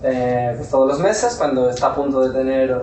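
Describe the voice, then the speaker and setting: Speaking at normal speed in an expressive, medium-pitched, darkish voice, a Castilian Spanish workshop speaker from Spain narrates a story and keeps asking his small audience "¿vale?". The informal lecture takes place in a therapy centre talk room, where his voice comes from far off amid echo and faint noise.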